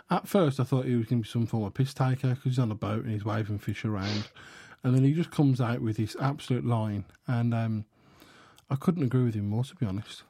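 British podcast co-host, dry close sound. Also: male voice, mid-range voice, dark tone, no echo. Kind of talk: casual chat.

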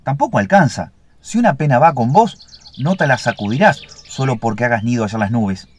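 A man's voice: medium pitch, lively intonation, fairly quick, breathy edge. A man voicing a young, earnest and somewhat timid male ovenbird in a storybook fable. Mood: reflective.

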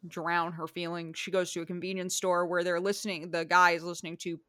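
A woman co-hosting a podcast, talking casually with lively asides, swearing and laughter. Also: lowish voice, fairly quick, no echo, studio quality. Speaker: podcast co-host. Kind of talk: casual chat.

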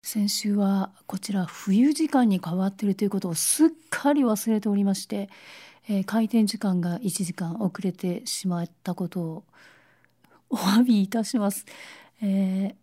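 A woman hosting a casual radio show in a polite way, her voice raspy like a smoker's and hoarse from a lingering cold. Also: medium pitch, a little slow, warm tone.

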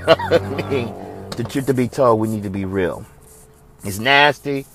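A man's voice: mid-range voice, no echo. A man from the United States hosting a religious commentary show, speaking in an impassioned, preachy way that repeats phrases for emphasis.

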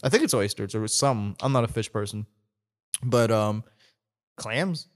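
A man's voice: fairly low pitch, lively intonation, normal speed. A young man co-hosting a podcast, chatting casually, rambling and swearing, laughing often. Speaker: podcast co-host. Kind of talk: casual chat.

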